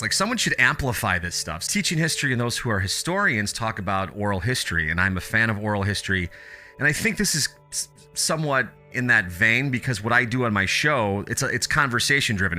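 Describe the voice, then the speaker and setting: A man's voice: lowish voice, lively intonation, a little fast, bright, forceful tone, soft background music. A man speaking as an interview guest, reflective and earnest, repeating phrases for emphasis in a conversational way. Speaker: podcast guest, teacher and radio show host.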